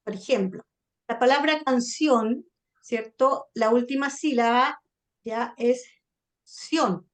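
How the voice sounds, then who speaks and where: A woman's voice: on the high side, slow. Chilean woman teaching a poetry class. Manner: checks in often with "¿ya?" and "¿cierto?". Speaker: literature teacher leading a sonnet workshop. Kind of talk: online class explanation.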